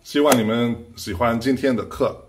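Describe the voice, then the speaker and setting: A man giving a casual language lesson, slowly repeating each phrase before explaining what it means. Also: medium pitch, slight background noise. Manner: slowly repeats phrases, then translates them. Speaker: Spanish teacher. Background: song playing clearly.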